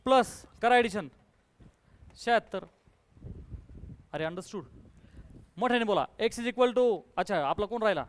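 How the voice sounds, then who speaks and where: A male maths teacher, giving a classroom lecture and briskly quizzing his students, calling them by pet names and coaxing quick answers. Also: sits high, lively intonation.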